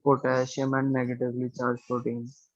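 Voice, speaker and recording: A woman's voice: rumbling low, completely flat delivery, moderate pace, no room sound. A woman student giving short answers in a class, on dull lo-fi online audio.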